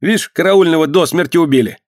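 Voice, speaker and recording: A man reads aloud in a fairly high, brisk voice, raised above his natural pitch yet close to everyday speech. He plays an aggrieved townsman complaining bitterly, and the recording is clean studio sound with no room echo.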